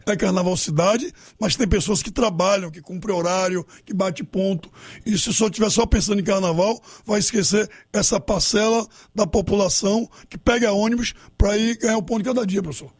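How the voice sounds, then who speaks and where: A man's voice: sits high, brisk. A man hosting a live radio talk show, courteous with callers and firm when he comments. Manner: warm to callers, then firm editorializing.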